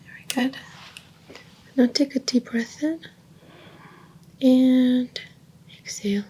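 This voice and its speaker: A woman whispering softly as a clinician in a roleplay, calmly giving gentle step-by-step instructions during a check-up. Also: high-pitched, slow, slight background noise, low-quality recording. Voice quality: soft whisper. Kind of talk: ASMR medical exam roleplay.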